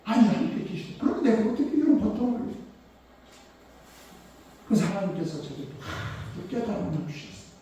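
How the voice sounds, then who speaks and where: An older male pastor preaching a sermon, telling a personal story with emotion, swinging from hushed tones to loud exclamations. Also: high voice, very animated, normal speed, pauses often, a little hiss or hum. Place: church sanctuary. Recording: echoey church hall, mic at a distance.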